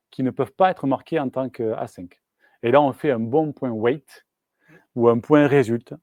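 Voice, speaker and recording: A man giving a live software talk at a meetup, casual and hesitant, with many fillers and restarts. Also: medium pitch, no room sound. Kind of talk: live technical presentation. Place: meetup room.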